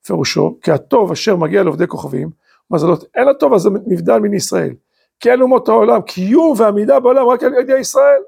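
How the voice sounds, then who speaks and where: A man's voice: sits high, expressive, vocal fry, darkish tone, slightly rough. A man, a rabbi, teaching a Torah class, full of rhetorical questions and emphatic rising bursts. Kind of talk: lively Torah lecture.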